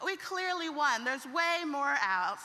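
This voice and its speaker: A woman's voice: high voice, big pitch swings, slow pace, pushed and bright, slight background noise, full character voice. A young woman voicing a boastful male owl in a told folk story, taunting and bossy, in a reverberant hall. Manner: bragging, taunting. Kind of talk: storytelling performance.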